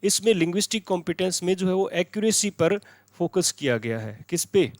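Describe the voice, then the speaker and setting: A man's voice: high voice, sing-song, no echo. Hindi-speaking male teacher, dry close sound. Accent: Indian. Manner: repeats key words as questions and answers them; switches into slow, deliberate English when reading questions. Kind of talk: exam-prep lecture.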